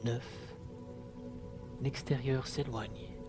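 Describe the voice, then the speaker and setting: A man guiding a hypnosis session in a soft, sultry, soothing, hushed voice with long pauses. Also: medium pitch, fairly even intonation. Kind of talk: slow guided hypnosis narration. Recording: music behind the voice. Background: clear background music.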